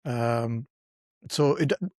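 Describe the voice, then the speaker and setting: A man co-hosting a history podcast in casual chat, measured and reflective. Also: medium pitch, darkish tone, no echo, clean studio sound. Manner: reflective, measured, breaks into laughs. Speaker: podcast co-host.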